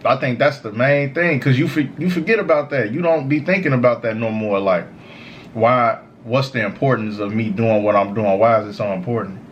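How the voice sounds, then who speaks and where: A man who sounds high, giving a casual, slangy, meandering stoner monologue of motivational advice as a show host. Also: normal speed, dull audio, a little hiss or hum. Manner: repeats "you know" tags, informal slangy phrasing. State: high on cannabis. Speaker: host of a smoke session series.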